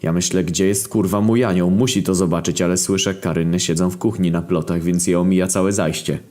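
Deep-voiced deadpan male storyteller. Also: a little fast. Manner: deadpan storytelling, heavy swearing. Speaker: narrator. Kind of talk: scripted narration of a comic internet story.

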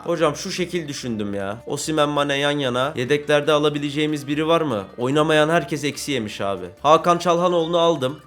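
A young man commentating his own football video game, swinging from low mumbling to loud shouts at his players. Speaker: gaming YouTuber.

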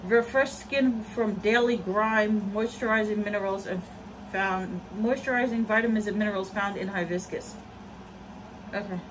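A woman's voice: mid-range voice, steady tone, moderate pace. Woman talking through a face mask. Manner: chatty, self-mocking. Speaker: beauty vlogger. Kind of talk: casual product review. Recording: faint air conditioner hum. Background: air conditioner hum.

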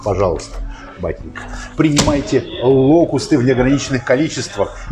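A man's voice: lowish voice, darkish tone, lightly acted. An actor playing a folksy, fatherly chief doctor with old-fashioned, patronizing bedside patter in a comic ad sketch. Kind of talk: scripted comic advertising sketch.

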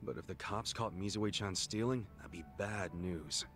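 A man's voice: sits low, moderate pace, a bit bright, soft background music. An actor playing a blunt, loyal and friendly street guy in a video game drama. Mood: concerned, probing.

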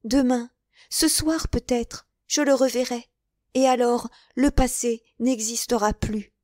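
A woman's voice: fairly high pitch, fairly even intonation, slow pace, a little mellow, dry recording, clean studio sound, pitched above the performer's own voice. Woman doing a lovestruck young woman. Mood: tender.

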